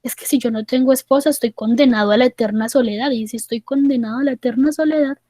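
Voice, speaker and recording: A woman's voice: on the high side, quick pace, dark tone, no room sound, close to an everyday voice. A woman quoting an anxious young male student who keeps insisting on the worst case, in a plain, dry recording.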